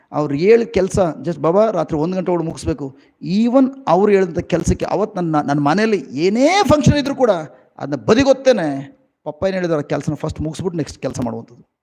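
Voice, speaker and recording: A middle-aged man with a Kannada accent preaching a sermon, his delivery swinging between loud exclamations and quiet musing. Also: high-pitched. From India.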